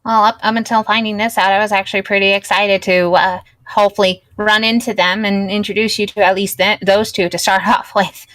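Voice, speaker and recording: A woman playing a tabletop game, chatting casually with quick laughing asides. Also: medium pitch, little pitch movement, fairly bright tone, dry recording. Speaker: player.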